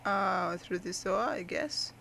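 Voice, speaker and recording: Slow, gravelly woman game commentator. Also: mid-range voice, animated, sharp tone, slight background noise. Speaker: let's play host. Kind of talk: gaming commentary.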